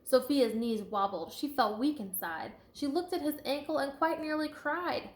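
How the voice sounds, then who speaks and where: A woman reading a children's picture book aloud with expressive emphasis and chatty asides to listeners. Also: sits high, normal speed. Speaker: storybook reader. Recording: echoey room.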